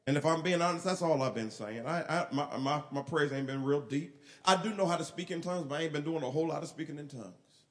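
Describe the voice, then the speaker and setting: A male pastor preaching a sermon, shifting from quiet, low asides to shouted and half-sung lines. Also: quick pace.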